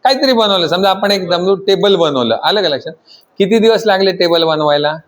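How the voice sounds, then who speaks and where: Male instructor, high voice, quizzing students in a training classroom. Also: brisk. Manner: asks the class constant questions and pushes them to answer louder. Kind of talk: classroom lecture.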